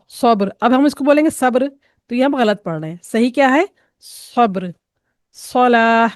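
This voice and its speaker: A woman's voice: a little high, a little mellow, dry recording, studio quality. Woman teaching careful Quran pronunciation. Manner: patient, explains step by step and models sounds slowly; mixes English words into her teaching. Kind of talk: tajweed pronunciation lesson.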